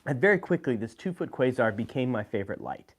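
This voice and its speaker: A man's voice: medium pitch, very animated, quick pace, husky. A man hosting a live video, talking casually about his gear, with frequent fillers and restarts. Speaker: host. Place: indoor room with lights.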